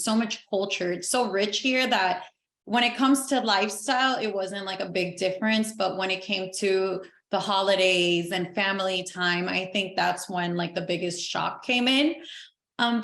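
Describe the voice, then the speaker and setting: A woman's voice: medium pitch, gravelly, fairly bright tone. A chatty young woman, originally from Venezuela, talks as a podcast guest in an easy, upbeat way. Her voice sits in a middle register. The room around her rings with a noticeable echo. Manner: talkative, upbeat, quick to laugh. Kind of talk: casual interview chat. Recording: echoey room.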